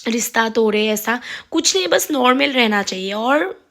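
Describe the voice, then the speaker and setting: Young adult woman, slightly raised pitch, frank and repetitive, chatting to camera while cooking. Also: expressive, moderate pace, a bit bright. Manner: frank, advice-giving, repetitive phrasing. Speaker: vlogger. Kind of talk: casual monologue to camera.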